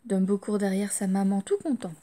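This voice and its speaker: A woman reading a children's storybook aloud, lively and expressive. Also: medium pitch, normal speed. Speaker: audiobook storyteller.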